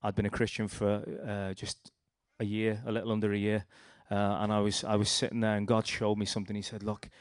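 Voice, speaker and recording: A man's voice: fairly low pitch, monotone, brisk, few pauses, no room sound, clean studio sound. A young man with a Liverpool accent giving a rambling personal testimony, telling his story with restarts and acted-out quotes. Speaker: speaker sharing a testimony.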